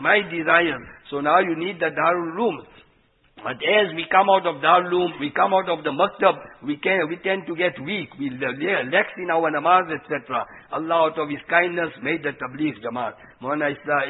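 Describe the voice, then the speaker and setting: A man's voice: a little high, husky. A man giving an informal, earnest Islamic sermon, teaching through rhetorical questions and explained quotations. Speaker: Islamic preacher. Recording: dull, lo-fi radio-like sound.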